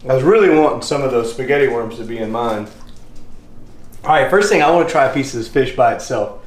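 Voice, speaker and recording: A man's voice: medium pitch, lively intonation, quick pace. A young man hosting a fishing channel, chatting upbeat as he tastes food and laughs. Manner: upbeat, laughing, drawling y'all. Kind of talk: casual cooking and tasting chat. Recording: echoey room.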